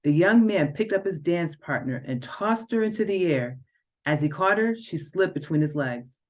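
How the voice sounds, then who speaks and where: Low-voiced woman reading her novel aloud. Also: expressive, moderate pace. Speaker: author reading her own book.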